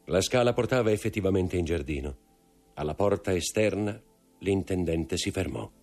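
A man narrates a classic novel in a measured reading voice with a low, gravelly edge. His tone is slightly husky yet lively in its rise and fall, and faint music plays underneath. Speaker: audiobook narrator. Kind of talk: scripted narration.

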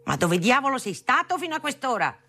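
A reader putting on a furious shouting father. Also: high-pitched, very animated, a little fast, vocal fry, pitched above the performer's own voice, exaggerated voice. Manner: yelling, furious. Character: angry shouting old father, stern professor.

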